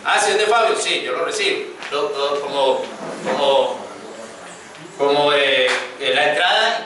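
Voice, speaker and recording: Bright-voiced man preaching in echoey church. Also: fairly high pitch, slight background noise. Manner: chatty storytelling with frequent fillers and rhetorical "¿cierto?". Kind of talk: conversational sermon. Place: church hall. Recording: echoey church hall from far off.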